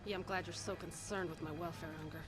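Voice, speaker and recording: A woman playing a tough, wary female agent in a low-budget film, talking bluntly and sarcastically over loud music. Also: fairly even intonation, fast, close to an everyday voice. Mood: annoyed.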